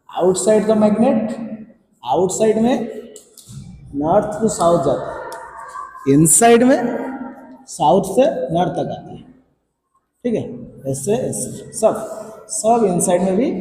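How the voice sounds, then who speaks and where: A man's voice: high-pitched, dark tone, a little hiss or hum. A man with an Indian English accent teaching a science class, repeating key points and quizzing students. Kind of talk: classroom lecture in Hinglish. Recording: echoey room with faint ambience.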